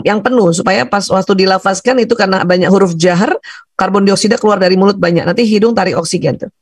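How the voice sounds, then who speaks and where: An Indonesian man from Bugis Makassar with a thick, loud voice, giving an animated seminar talk to teachers and parents and leading breathing exercises. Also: sits high, breathy edge, dry recording, studio quality. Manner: animated, laughs often, leads breathing exercises.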